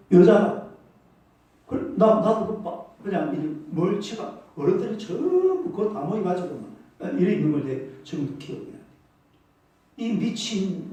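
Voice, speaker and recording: A man preaching a sermon as pastor, telling stories vividly and calling out to the congregation. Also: sits high. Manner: animated storytelling, calls out for congregation replies. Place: church sanctuary. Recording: echoey church hall from a distance.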